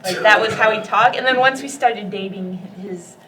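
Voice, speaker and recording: A woman's voice: medium pitch, normal speed, distant mic, a loud crowd. A woman in a band, chatting playfully in a casual interview, giggling often. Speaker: band member. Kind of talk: casual chat.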